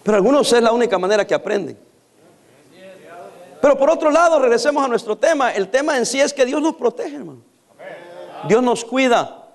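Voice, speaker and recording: A man's voice: extremely high pitch, animated, brisk, creaky, long pauses. A man in his fifties preaching a sermon, teasing his congregation with jokes and dramatic stories. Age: 50s. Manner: joking, teasing storyteller.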